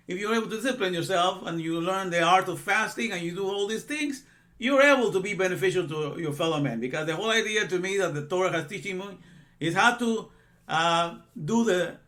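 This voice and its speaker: With a voice that sits high and sounds fairly bright, a man in his sixties from Guatemala teaches religion informally. He rambles, goes off on asides, repeats phrases and says "you know" frequently.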